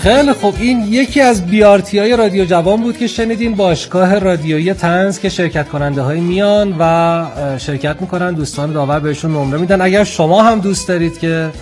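A man's voice: sits high, darkish tone, faint music behind. Upbeat man hosting a radio show. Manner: brisk, joking banter with guests. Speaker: radio host.

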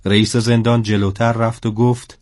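A man narrating a story in a steady, scripted storybook style. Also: mid-range voice, dry recording, studio quality.

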